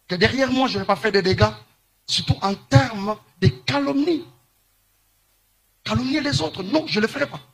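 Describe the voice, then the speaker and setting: High-voiced man preaching from Congo. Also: a bit bright. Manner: preachy, emphatic, slows to stress points. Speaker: commentator. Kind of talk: monologue to camera.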